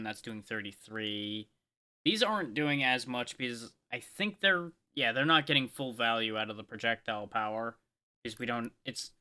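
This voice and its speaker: A man streaming live gameplay, talking through his choices with playful, excitable, mock-boastful trash talk. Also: medium pitch.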